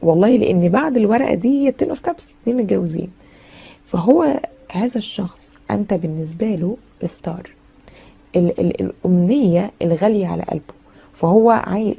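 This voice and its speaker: A woman's voice: on the low side, quick pace, gravelly, dark tone, slightly rough. A woman with an Egyptian Arabic accent giving a chatty, casual tarot reading full of fillers and teasing asides. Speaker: tarot reader.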